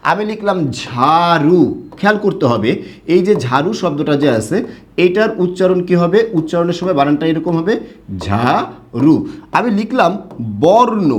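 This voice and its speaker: A man teaching Bengali pronunciation in an online lesson, who asks the class questions, answers them himself and spells words out slowly letter by letter. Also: fairly high pitch. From Bangladesh.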